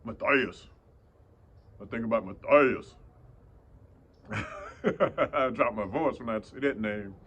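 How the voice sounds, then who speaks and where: A man's voice: mid-range voice, fairly bright tone, slightly rough, dull audio. An older man telling rambling stories in a casual vlog, chuckling often and slipping into folksy preaching. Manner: chuckling, rambling with many fillers and restarts; slow folksy preaching with scripture. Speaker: vlogger.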